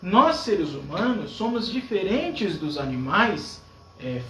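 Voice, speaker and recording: High-voiced Brazilian priest, echoey and distant. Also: male voice, very animated, slow, bright, forceful tone. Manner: explanatory, with frequent questions to listeners. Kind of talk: sermon. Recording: echoey, from far off, faint background noise.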